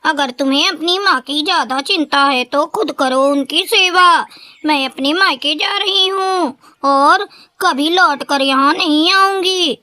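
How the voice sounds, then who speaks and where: A woman voicing a spiteful young female crow, a daughter-in-law in a cartoon, who speaks in a sharp, scolding way. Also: extremely high pitch, slow pace, no room sound, pitched above the performer's own voice, heavily acted. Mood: scornful.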